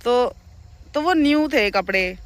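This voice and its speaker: A young woman vlogging from home, telling a family story in a chatty, animated way and laughing often. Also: a little high, slow. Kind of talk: casual storytelling vlog. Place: at home, near farm animals.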